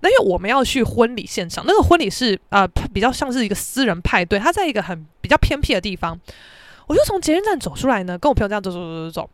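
A woman's voice: medium pitch, big pitch swings, fast talker, no echo. A woman with a Taiwanese Mandarin accent hosting a podcast, telling a story in a brash, profane, dramatic way. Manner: brash, profane, dramatic, shouts out reenacted quotes. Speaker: podcast host. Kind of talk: casual storytelling monologue.

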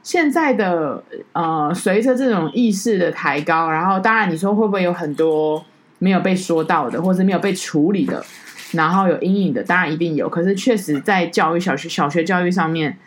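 Brief: woman podcast co-host, quick, lowish voice, lively storyteller who sinks quiet at grim moments. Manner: animated storytelling, drops low and soft on heavy moments. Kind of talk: casual chat.

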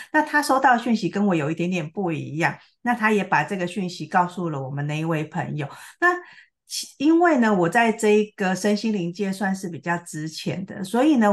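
Woman co-host chatting casually. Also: medium pitch. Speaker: podcast co-host. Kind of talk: casual hosting chat and personal storytelling.

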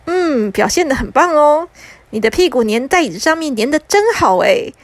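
A woman's voice: on the high side, animated, brisk, fairly bright tone, dry recording. A woman doing a teasing playful magician. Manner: teasing, mock-innocent.

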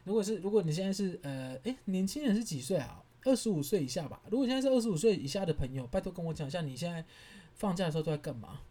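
A man in his thirties with a Taiwanese Mandarin accent, hosting a podcast and telling stories in an animated, exasperated way, laughing as he goes. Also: sits high, very fast, hardly any pauses. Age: 30s. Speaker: podcast host. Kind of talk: casual storytelling monologue.

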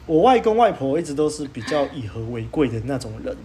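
Fast-talking young man. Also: fairly high pitch. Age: young adult. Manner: animated, laughs through his story. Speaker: podcast host. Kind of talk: casual storytelling chat.

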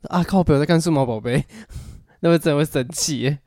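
A man's voice: a little high, fairly quick, darkish tone, no echo, studio quality. A man with a Taiwanese Mandarin accent co-hosting a podcast, laid-back and sly, often laughing in casual chat. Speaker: podcast co-host.

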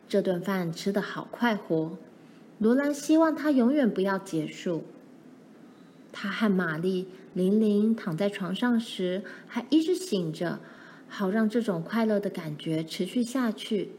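Woman storyteller, mid-pitched voice, gentle even read-aloud delivery. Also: a little hiss or hum. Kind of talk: storybook reading.

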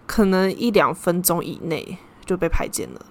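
A woman's voice: on the low side, animated, moderate pace, darkish tone, a little hiss or hum. A young woman hosting a podcast, telling a story in a chatty, casual way and dropping Japanese terms into her talk. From Taiwan. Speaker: podcast host.

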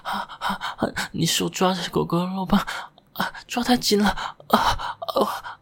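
A woman in intimate role-play audio, speaking in a breathy, moaning, submissive way with frequent whispers. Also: on the low side, a little slow, a bit bright.

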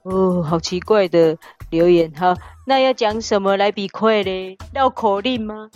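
A woman's voice: mid-range voice, unhurried, a little mellow, close to an everyday voice. A woman voicing a playful, chatty pet dog who co-hosts a podcast and answers listener comments, with a Taiwanese Mandarin accent. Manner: playful, giggly, teasing. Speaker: podcast co-host. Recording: slightly dull audio with music bed.

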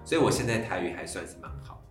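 A man's voice: on the low side, lively intonation, very fast. A man from southern Taiwan hosting a casual chat in Taiwanese-accented Mandarin, a native speaker of Taiwanese Hokkien. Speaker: podcast host. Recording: roomy echo, faint music.

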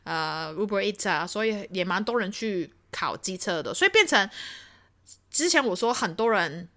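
A woman in her thirties from Hong Kong chatting casually as a podcast host, telling things in an expressive, exclaiming way. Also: mid-range voice, normal speed. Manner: expressive, exclaiming storyteller with frequent laughter. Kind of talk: casual chat.

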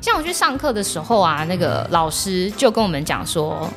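A woman's voice: on the low side, sing-song, fairly quick, a bit bright, faint music behind. A woman hosting a podcast in a casual, chatty way, laughing easily and murmuring along as she listens. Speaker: podcast host. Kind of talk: casual chat.

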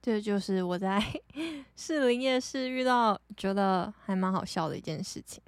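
A woman's voice: mid-range voice, moderate pace, no room sound. Young taiwanese woman podcasting, chatty and laughy, mid voice, dry close mic. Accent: Taiwanese Mandarin. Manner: chatty, animated, laughs often. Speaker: podcast host. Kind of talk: casual storytelling monologue.

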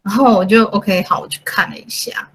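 A woman's voice: mid-range voice, brisk, breathy edge, poor audio. A woman hosting a podcast, telling a story casually and acting out the lines of the people in it. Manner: chatty, quotes others in animated asides. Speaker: podcast host.

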